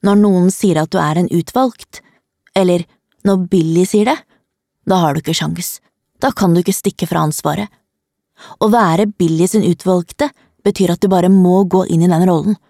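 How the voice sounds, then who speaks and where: A woman narrating a storybook in a calm, even first-person telling. Her voice sits low and mellow, recorded close and dry with no room sound. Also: vocal fry, no room sound. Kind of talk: storybook reading.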